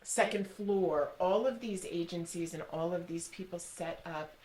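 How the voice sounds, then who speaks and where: A woman's voice: lowish voice, measured pace, a crowd in the background. A middle-aged woman on a school's mental health staff, thinking aloud in a conversational interview and working her ideas out as she goes. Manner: thoughtful, talks ideas through with restarts and asides.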